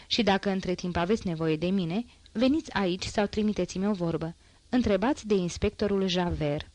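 A woman's voice: medium pitch, a little mellow, no room sound, natural voice. A woman reading as a curt male police inspector. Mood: brisk. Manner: quick, firm instructions.

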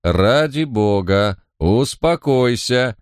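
A man reading an audiobook voices a frightened older lord of the manor pleading with his wife to calm down. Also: medium pitch, slow pace, clean tone, no echo, studio quality, voice pushed up. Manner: pleading, urgent.

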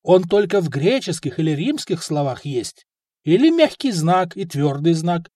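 A man's voice: fairly high pitch, sing-song, normal speed, warm tone, no echo, clean studio sound. A man doing a deferential stout scholar. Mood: explaining. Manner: careful, deferential explaining. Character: short stout cautious male scholar.

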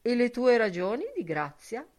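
A woman's voice: fairly high pitch, animated, normal speed, pitched above the performer's own voice, lightly acted. A woman voicing Buck Mulligan, a brash mocking young man. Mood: mock-solemn. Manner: loud, theatrical, teasing. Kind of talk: audiobook character reading.

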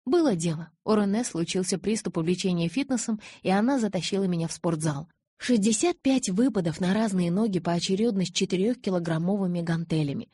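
Husky woman reading a novel aloud. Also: medium pitch, brisk, dry recording, clean studio sound. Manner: expressive, emotional storytelling. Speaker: audiobook narrator. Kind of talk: first-person novel reading.

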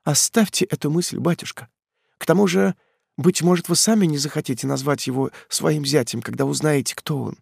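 A man's voice: a little high, fairly quick, vocal fry, breathy edge, dry recording, studio quality, pitched above the performer's own voice, heavily acted. A man voicing an anxious young daughter. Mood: pleading. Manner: pleading, anxious. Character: frightened, devoted young daughter.

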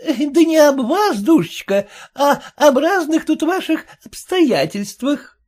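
A woman's voice: high voice, animated, slow, a little mellow, voice pushed up. A woman voicing a fawning, chatty middle-aged peddler woman in an audiobook, with a wheedling sing-song manner. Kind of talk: audiobook reading.

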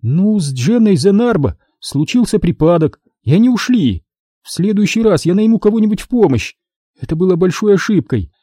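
A sardonic young woman, quick to anger and dry in her humor, voiced by a male narrator. The voice is lifted well above his own and swings widely in pitch. It sounds close and dry. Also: sing-song, dark tone, no room sound. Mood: sullen. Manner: indignant, sardonic. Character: sharp-tongued young woman, café owner's daughter. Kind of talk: audiobook reading.

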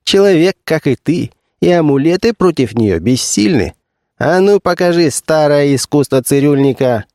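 A ruthless woman gang boss snaps out orders, sneering and contemptuous, as a male narrator puts her on. Her pitch swings widely and the tone stays mellow. The recording is dry and close. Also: lively intonation, moderate pace, no echo. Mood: mocking. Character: harsh commanding woman gang leader.

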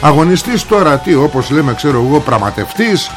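A man's voice: fairly high pitch, big pitch swings, soft background music. A man hosting a political talk show, delivering a sarcastic, combative monologue straight at the viewer.

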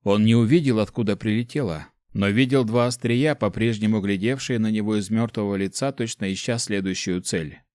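A man reading a fantasy novel aloud in steady, measured scripted narration. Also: fairly low pitch, no room sound, studio quality. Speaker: audiobook narrator.

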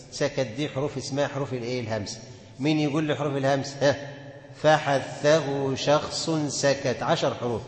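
A man's voice: mid-range voice, a little mellow. A man with an Egyptian accent teaching a class on Quran recitation, asking his students questions and answering them himself. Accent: Egyptian Arabic. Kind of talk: classroom lesson on tajweed. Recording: echoey hall with long reverb.

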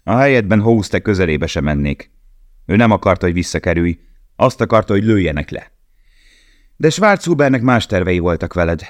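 A man's voice: sits low, expressive, dry recording, studio quality, pitched above the performer's own voice. A man reading the part of a blunt, mocking male camp guard in a storybook. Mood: sardonic.

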